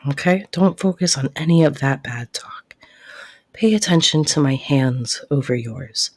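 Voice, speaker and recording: This is soft-spoken roleplay audio addressed to the listener, with a young woman cast as a protective, caring best friend hiding her love. She talks in a deep, husky, breathy voice, teasing yet reassuring, and the whole thing feels soft and intimate.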